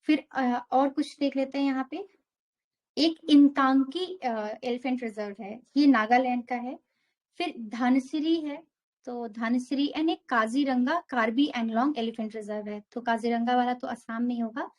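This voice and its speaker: A woman's voice: a little high, unhurried, a little mellow. A young woman teaching an exam prep geography lesson, walking through a map step by step and mixing English terms into her Hindi.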